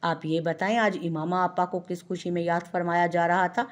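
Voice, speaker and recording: A boastful young joker who never stops teasing his cousins, his lines playful and mocking, read out by a woman. The voice sits a little low. It is heard in a narrated audio story. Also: flat delivery, moderate pace, close to an everyday voice.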